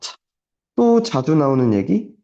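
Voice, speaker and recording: A young man teaches math in a classroom in a blunt, profane, chatty way, often stopping to ask if students are following. His voice sits a little high and moves up and down a lot, with a mellow, dark tone. The recording is roomy and dull, like a lo-fi classroom capture. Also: very animated, measured pace. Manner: blunt, swears casually, constantly checks understanding. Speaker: math tutor. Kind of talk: casual classroom lecture.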